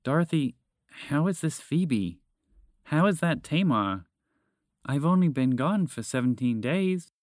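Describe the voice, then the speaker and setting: A shaken father speaks earnestly and haltingly in a children's storybook, as a man puts him on. The voice sits slightly above the narrator's normal one, and the recording sounds close and dry. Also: fairly high pitch, lively intonation, dry recording, pitched above the performer's own voice.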